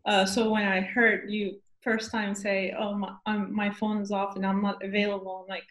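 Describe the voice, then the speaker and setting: A middle-aged woman from Turkey, a guest in an interview, telling her story in a measured, conversational way. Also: medium pitch, little pitch movement, fairly bright tone, reverberant, low-quality recording.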